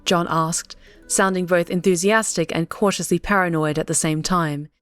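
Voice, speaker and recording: Reading an audiobook story from a script, a woman speaks in a slightly low voice at a normal pace, keeping her tone steady. Soft music runs beneath her, and there's no echo in the recording.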